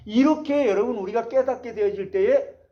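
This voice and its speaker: A man's voice: extremely high pitch, fairly quick, warm tone, dull audio. A man preaching a sermon as pastor, asking the congregation rhetorical questions as he explains a passage.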